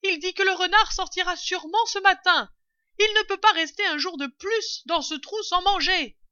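A woman playing a commanding lady of the house who calls loudly and impatiently from upstairs. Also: very high voice, normal speed, dry recording, voice pushed up. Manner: loud, impatient, calling out. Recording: dull lo-fi recording.

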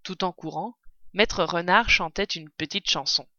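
A woman narrating a children's storybook in an expressive, animated way. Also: on the low side, a little slow, dry recording, muffled recording. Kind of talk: storybook reading.

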